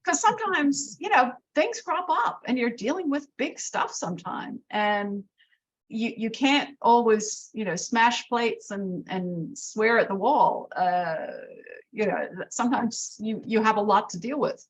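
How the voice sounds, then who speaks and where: A woman's voice: fairly high pitch, animated, a little slow, breathy edge. A middle-aged woman leading an art workshop discussion, encouraging, often restarting her sentences. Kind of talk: casual group discussion.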